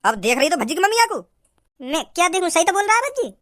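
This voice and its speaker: A woman's voice: extremely high pitch, sing-song, quick pace. A woman voicing a bossy cartoon mother who scolds her husband. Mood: scolding. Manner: scolding, pushy.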